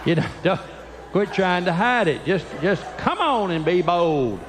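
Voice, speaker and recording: A man's voice: high-pitched, expressive, unhurried, in a large hall, a loud crowd, heavy background noise. Folksy older man doing church comedy. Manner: folksy, teasing the audience, acts out quotes. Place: church sanctuary.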